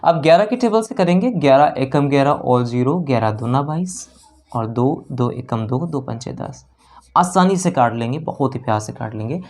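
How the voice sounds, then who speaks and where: A man with a North Indian accent and a slightly high, darkish voice teaches maths while solving problems step by step. He repeats key phrases and keeps checking in with short questions.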